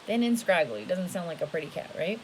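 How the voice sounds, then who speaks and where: A woman with a lowish, darkish voice reads a picture book aloud to children, speaking briskly with big pitch swings. She's instructive and often checks in with questions. The audio is poor, a home recording with faint hiss.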